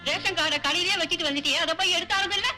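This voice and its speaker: A high, quick, nagging old village grandmother. She scolds and needles without pause, and film music sits clearly under her lines. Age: older. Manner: quick, scolding, wails for her lost husband.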